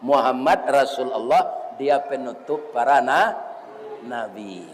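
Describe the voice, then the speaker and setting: Slowly and expressively, in a mid-range voice, a middle-aged man with a Minangkabau accent preaches a folksy sermon in a village mosque, chanting verses, reciting rhymes, and calling listeners "Pak." The mosque hall echoes long, with slight background noise.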